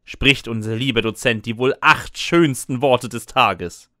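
In studio quality with no echo, a man of medium pitch speaks unhurriedly in a sharp tone. He plays a student narrating his chaotic life in scripted comic first person, acting as narrator and lead character with a wry, sarcastic edge.

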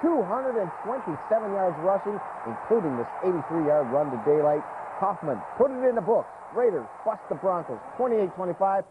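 A high-voiced man narrates sports highlights. His voice comes through thin and phone-like over very loud background noise. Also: big pitch swings, moderate pace, hardly any pauses. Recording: tinny broadcast, loud stadium noise.

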